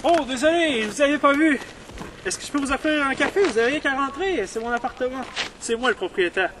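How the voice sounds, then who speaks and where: A man's voice: very high voice, animated, fairly quick. A man playing an overly polite bourgeois host. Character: overly polite bourgeois male apartment owner. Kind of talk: amateur film acting. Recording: distant mic, street noise.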